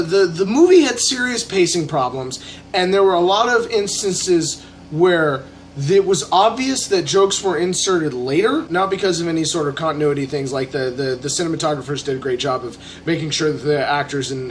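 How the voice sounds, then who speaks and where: A man's voice: fairly high pitch, a little hiss or hum. A tipsy man giving a casual, opinionated video review, rambling with false starts and blunt, emphatic swearing. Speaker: amateur film reviewer.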